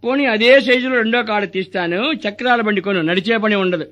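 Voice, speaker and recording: An actor playing a scheming, greedy hospital doctor in a stage comedy, firing off rustic wisecracks. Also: male voice, high-pitched, fairly bright tone, muffled recording. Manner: rapid wisecracking, rustic dialect.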